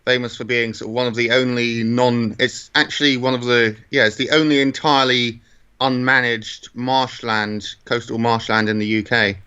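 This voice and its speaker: A man's voice: mid-range voice, little pitch movement, moderate pace, pushed and bright, smooth, highs cut off. A man with a British accent chatting casually and descriptively as a podcast co-host. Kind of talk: casual chat describing a walk.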